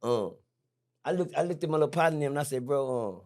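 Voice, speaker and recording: A middle-aged man, a podcast guest, telling a story in a lively, slangy way, repeating himself and jumping high when excited. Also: quick pace. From Texas. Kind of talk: animated storytelling. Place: podcast studio.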